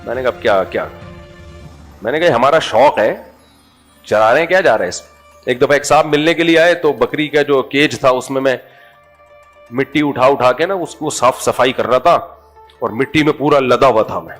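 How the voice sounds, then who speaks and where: A man's voice: mid-range voice, a bit bright, soft background music. A middle-aged man with a Pakistani Urdu accent gives a sermon in a joking, conversational way, often putting questions to his audience. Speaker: Islamic preacher.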